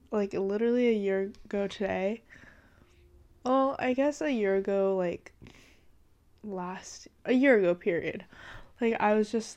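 Her voice is medium-pitched with a darkish tone: a young adult podcast host from Washington state, casually chatting about her life in her dark bedroom at night. She rambles with frequent "like" and "literally," giggles, and sounds a bit congested from allergies.

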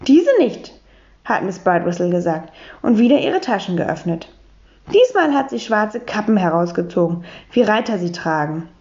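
Woman reading a kids' story, animated pitch, higher voice, dull lo-fi sound. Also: normal speed. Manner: lively first-person telling as a boy. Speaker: audiobook reader. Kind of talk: children's storybook narration. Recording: dull lo-fi recording.

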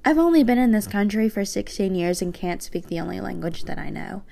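A teenage girl hosts a personal podcast, reading from her own journal in a low, mellow, gravelly voice that's deep for a woman. She speaks softly and a little fast, sounding reflective and slightly hesitant.

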